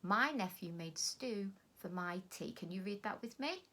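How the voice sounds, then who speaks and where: A woman teacher who records a phonics lesson for young children, spelling out words slowly and praising them warmly. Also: mid-range voice, expressive. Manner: slow, clearly spelled-out words, encouraging. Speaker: primary school teacher.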